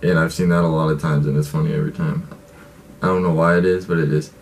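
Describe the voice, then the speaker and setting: A man's voice: very deep voice, level tone, fast, recorded from a distance. A young man giving casual commentary as the host of a reaction video, recorded in a bedroom. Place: small bedroom, indoors.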